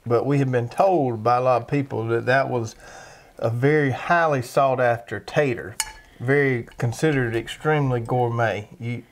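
A man's voice: mid-range voice, normal speed. A man with a Southern American accent, talking in an easygoing, rambling country way about the garden. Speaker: garden show co-host. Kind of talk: casual chat.

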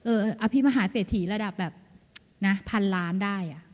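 A woman giving a lively seminar talk to an audience. She laughs often and calls on people in the room. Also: medium pitch, normal speed. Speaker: insurance sales manager giving a seminar talk. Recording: long hall reverb.

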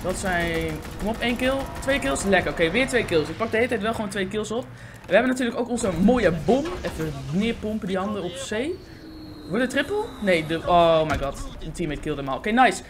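A man giving live, excitable gameplay commentary, swearing often and talking in slang into a condenser microphone. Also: high-pitched, a little fast, background noise. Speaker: gaming YouTuber. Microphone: USB condenser microphone.

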